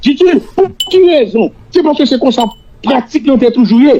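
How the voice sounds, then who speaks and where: A Haitian man with a strikingly high-pitched yet soft-edged, mellow voice gives political commentary. He slides between French and his native Creole, haltingly repeating small words as he argues. The sound is muffled and lo-fi, like talk radio. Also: animated. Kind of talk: political analysis on a talk show. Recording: dull lo-fi radio-like audio.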